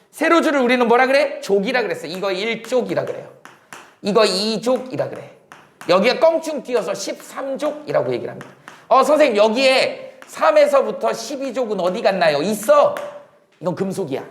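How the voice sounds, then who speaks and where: A man teaching high school science in a casual lecture style, asking his students questions and answering them himself. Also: roomy sound. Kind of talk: classroom lecture.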